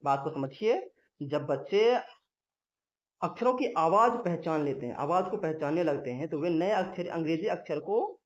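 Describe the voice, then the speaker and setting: A man's voice: a little high, lively intonation, normal speed. A man teaching English letter sounds in a patient, repetitive, step-by-step lesson. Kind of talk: Hindi-language English lesson. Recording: dull lo-fi sound.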